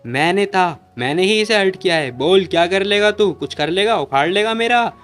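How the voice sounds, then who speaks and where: A man voicing a furious, vengeful male clan head who shouts threats. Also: a little high, moderate pace, clean tone, faint music behind, close to an everyday voice.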